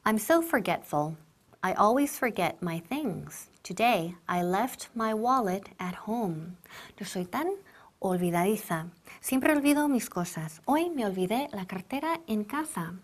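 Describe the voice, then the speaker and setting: A woman teaching English to Spanish speakers, switching between both languages and repeating words slowly so learners can copy them. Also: mid-range voice, animated.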